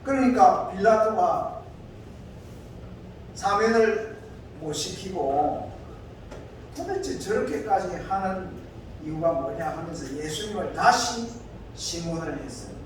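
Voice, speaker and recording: Male pastor, sermon storyteller, high-ish voice, very echoey room, distant mic. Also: lively intonation, slight background noise. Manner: conversational storytelling with many filler pauses. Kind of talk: sermon retelling a scripture story. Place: church sanctuary.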